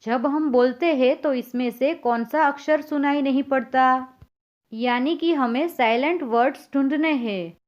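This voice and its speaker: A woman teaches a textbook lesson at an unhurried, deliberate pace. She reads each English line with care before explaining it in Hindi. The recording is slightly dull and lo-fi. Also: high voice.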